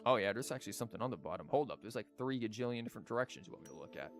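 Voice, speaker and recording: Racing through his words in a lowish, expressive voice with vocal fry, a young man streams a story game live. He swears freely and makes sarcastic jokes about the characters over faint background game music.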